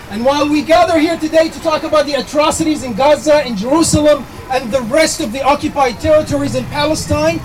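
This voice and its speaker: A man's voice: very high voice, slight background noise, low-quality recording. A man giving an impassioned speech at an outdoor protest rally, with heavy repetition and call-and-response. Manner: rhetorical repetition, leads chants. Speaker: rally speaker.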